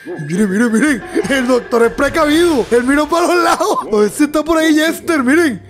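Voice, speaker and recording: A young man giving excitable let's-play commentary to his audience, laughing often and yelping at scares. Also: very high-pitched, a little fast. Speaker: gaming YouTuber.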